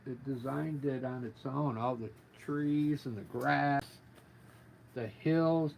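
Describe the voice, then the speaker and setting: A man giving a casual live painting lesson as a gentle, informal instructor with a gravelly voice, talking while he works. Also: medium pitch, rough recording. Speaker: painting instructor, livestream artist. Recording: noticeable background noise, live stream.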